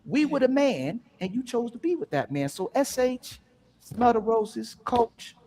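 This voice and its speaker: Man, panel host type, preachy delivery with loud-soft swings. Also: very high voice, big pitch swings, measured pace. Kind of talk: heated livestream panel debate.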